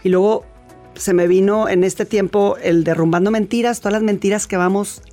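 Mexican woman guest, chatty storyteller, mid pitch, faint music bed. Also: fairly even intonation, moderate pace, dark tone. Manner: chatty and storytelling, with frequent restarts. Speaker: laughter therapy expert guest. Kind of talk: conversational interview.

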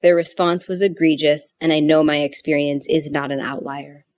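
A woman being interviewed for a documentary whose voice has been disguised to sound deep, speaking in a measured, halting way. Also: fairly even intonation, a little mellow. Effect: voice disguised, pitched deep.

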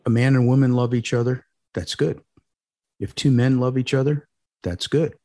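A man's voice: medium pitch, fairly even intonation, normal speed, mellow. A man talking casually as a panel guest, making his points in plain, simple, repeated phrases. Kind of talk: casual discussion.

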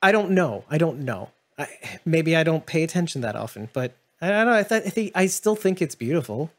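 A man's voice: fairly high pitch, sing-song, a little fast. A man hosting a casual TV discussion, reflective and musing, often restarting his sentences. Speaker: podcast host.

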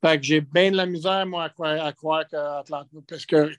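A man with a Quebec French accent analyses football off the cuff. His voice sits somewhat high and the sound is dry, with no room on it. He talks conversationally, often stopping and restarting his thoughts. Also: steady tone, smooth, no echo. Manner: halting, conversational, with trailing restarts. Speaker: sports analyst and guest. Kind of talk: unscripted football commentary in conversation.

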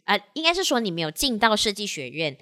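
A woman co-hosting a podcast, listening attentively and gently reflecting back on what her co-host says in casual chat. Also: mid-range voice, sing-song, fast talker.

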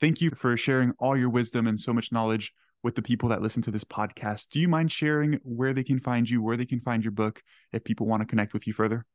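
A man's voice: medium pitch, quick pace, few pauses, no room sound, studio quality. A man in his twenties hosting a podcast from his home kitchen, eager and earnest, often repeating words. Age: 20s. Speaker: podcast host. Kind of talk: podcast interview.

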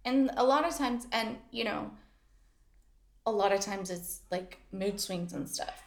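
A woman's voice: medium pitch, measured pace, gravelly, reverberant. Profane, laughing woman podcaster. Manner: frank and profane, laughing often. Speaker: podcast co-host. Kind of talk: casual chat.

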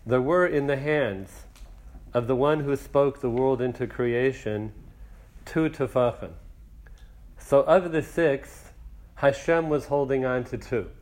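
A man's voice: mid-range voice, slow pace, a little mellow. A man teaching a religious text class, translating phrases and counting lines aloud for his students.

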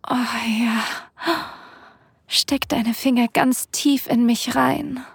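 Casting: woman for adult ASMR role-play audio. Airy, extremely breathy delivery, intimate manner, close and dry recording. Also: fairly high pitch, steady tone, very slow, no echo. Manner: sensual, intimate, addressing the listener directly. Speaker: erotic audio performer. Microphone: close microphone, dry sound.

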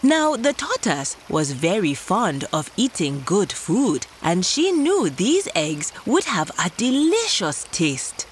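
A woman's voice: mid-range voice, big pitch swings, slow, few pauses, a little hiss or hum. A woman hosting a children's story show, narrating in a playful way, like an entertainer addressing little listeners.

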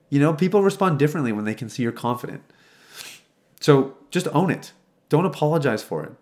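A man's voice: medium pitch, a little mellow. A man giving upbeat, tidily organised advice like a vlogging coach, direct, encouraging and emphatic, talking casually to viewers. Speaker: self-help coach. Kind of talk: upbeat advice vlog talk, tidy numbered tips.

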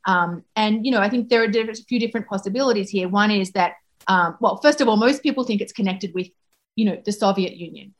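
With a mid-range voice, a woman correspondent from abroad gives thoughtful replies in an interview. Her speech is broken up by regular pauses and restarts.

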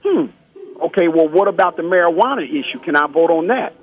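A man's voice: a little high, expressive, a little fast. A man calling in to a radio talk show, talking in a chatty, friendly way and asking plain questions, heard through a bluetooth headset mic on a phone call. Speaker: caller. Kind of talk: casual call-in chat. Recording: muffled phone line.

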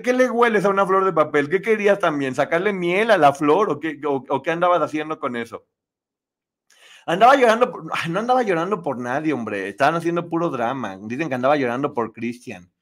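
A man's voice: on the high side, brisk. Sarcastic man riffing on reality TV. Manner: sarcastic, animated, mocking. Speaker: host reading live chat. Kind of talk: casual reality-show commentary.

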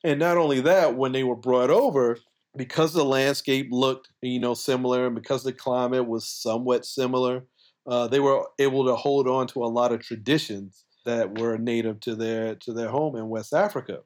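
A man from talks as a podcast guest in a medium-pitched voice. His delivery is casual and colloquial, explaining as he goes with plenty of conversational filler. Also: fairly even intonation, normal speed. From coastal South Carolina, US. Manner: conversational, colloquial, frequent "like" and "you know". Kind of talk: casual explanatory interview talk.

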